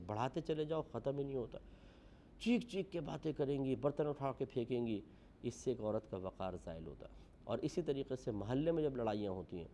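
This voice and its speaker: A man delivering a religious lecture, earnest and moralizing, his voice rising for emphasis and then dropping low. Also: mellow, slight background noise. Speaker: preacher.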